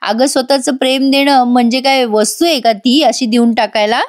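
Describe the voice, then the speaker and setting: A woman's voice: sits high, fairly even intonation, normal speed, dry recording, clean studio sound, natural voice. A woman voicing a firm aunt in a retold TV drama, in her own voice. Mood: reproachful. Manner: reproachful. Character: firm caring older aunt.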